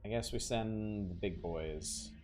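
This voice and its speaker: A man's voice: on the low side, slow pace. A man streaming a video game, thinking aloud in a casual, wry way. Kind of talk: casual gameplay commentary. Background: faint game music.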